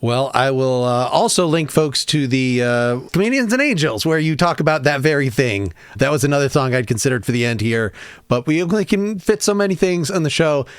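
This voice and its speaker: A man's voice: mid-range voice, animated, fairly quick, clear, resonant tone, dry recording. A man hosting a podcast interview, enthusiastic and rambling, often restarting his thoughts. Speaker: podcast host.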